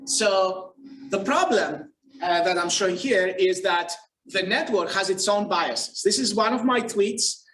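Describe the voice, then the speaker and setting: A Greek-accented male researcher, high-voiced and a bit bright, keeps a measured pace through his casual, self-deprecating keynote. Fillers and self-corrections come often. There's slight background noise, and the hall makes it sound roomy and distant.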